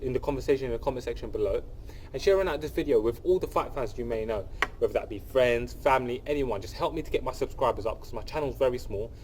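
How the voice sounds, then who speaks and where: His voice mid-range with a darkish tone, a young man suffering a cold sniffles through a solo, on-camera breakdown of an upcoming fight for his channel. The delivery is casual and enthusiastic, packed with repeated phrases, fillers and restarts, and there's a little hiss or hum.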